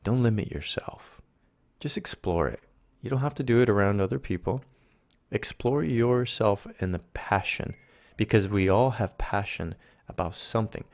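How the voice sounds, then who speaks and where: A man from Argentina, a spiritual mentor as guest, talking in a soft, earnest, gently encouraging way. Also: lowish voice, moderate pace. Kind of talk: reflective conversation.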